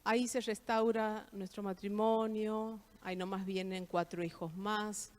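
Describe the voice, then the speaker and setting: A woman's voice: mid-range voice, flat delivery, a little slow, darkish tone. A middle-aged woman with an Argentine Spanish accent speaks at a church service. Her voice sits in a medium register, and she tells her testimony earnestly, repeating key phrases for emphasis. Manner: heartfelt, emphatic repetitions. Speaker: guest speaker giving testimony.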